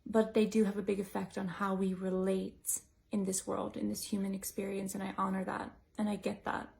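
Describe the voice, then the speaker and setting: Woman breathwork teacher, gravelly voice, kinda flat, gentle rambly talk with lots of likes. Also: mid-range voice, moderate pace. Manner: gentle, musing, with many "like" and "you know" fillers. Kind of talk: reflective teaching talk to a group.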